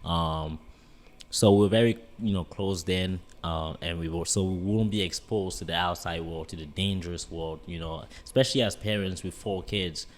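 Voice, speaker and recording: A man in his twenties from Cameroon, a guest on a podcast telling stories in lively casual talk. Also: low voice, normal speed. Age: 20s. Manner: animated storytelling, lots of "you know". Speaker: guest, bodybuilding coach. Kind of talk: casual interview chat.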